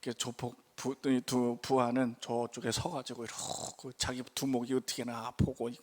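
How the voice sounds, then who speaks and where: A male pastor preaching in church, telling a story with lively turns and rhetorical questions to the congregation. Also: mid-range voice, moderate pace. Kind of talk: sermon storytelling.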